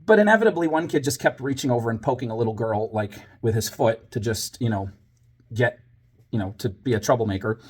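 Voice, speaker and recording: A man's voice: mid-range voice, a little fast, a little mellow, breathy edge. A man telling a story from his years as a teacher, dramatizing it with whispers and quoted voices. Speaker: former teacher, channel host. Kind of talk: personal storytelling monologue.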